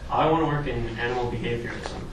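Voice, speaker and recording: A man's voice: mid-range voice, fast, slight background noise. A young man from Boston, a college student, chatting casually in class. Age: young adult. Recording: echoey classroom with crowd murmur.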